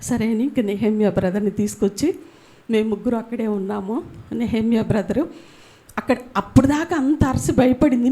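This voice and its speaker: A woman preaches a sermon in a high voice. She pushes up loud and high for emphasis, then slows and softens for scripture. She tells stories with acted dialogue. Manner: storytelling with acted family dialogue.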